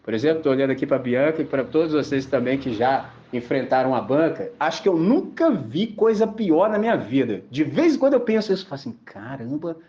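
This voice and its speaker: Animated man preaching with lively pitch. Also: fairly quick, few pauses. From Brazil. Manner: animated storytelling, slangy and laughing. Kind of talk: sermon with anecdotes. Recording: dull lo-fi recording.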